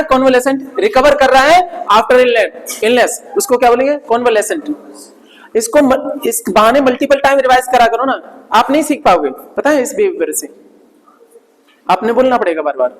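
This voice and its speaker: A man with a notably high voice teaches vocabulary to a class, repeating each word several times. He checks in with "right?" after nearly every phrase. The sound rings with a long reverb from the classroom. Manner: drills words aloud, constantly asks "right?". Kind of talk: classroom lesson. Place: classroom with projector. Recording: echoey room with long reverb.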